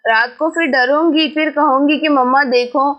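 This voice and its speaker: A woman voicing a high, fussing village mom. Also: fairly even intonation, normal speed, muffled recording, natural voice. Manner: coaxing, motherly chatter. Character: caring young village mother, fussy and fond. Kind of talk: doll storytelling.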